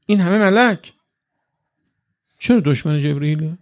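A man's voice: on the high side, lively intonation. A man giving a conversational religious lecture, full of rhetorical questions put to his listeners. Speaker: cleric.

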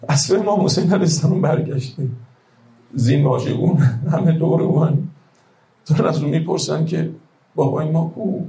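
A man preaching a religious sermon, impassioned and rhetorical, swinging between hushed lines and loud outbursts. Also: a little high, gravelly, roomy sound, low-quality recording.

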